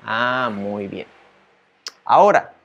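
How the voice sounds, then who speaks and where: A male teacher walking viewers through a tutorial in a lively, chatty way, often asking them questions. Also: lowish voice, drawn-out words, husky, dull audio. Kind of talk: screen-share tutorial.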